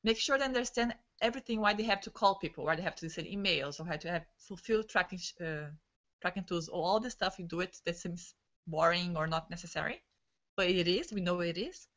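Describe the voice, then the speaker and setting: A woman trainer leading an online team session, talking quickly and excitedly, restarting words, in non-native English over a video call. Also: on the low side. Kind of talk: live online training talk. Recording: dull lo-fi video-call audio.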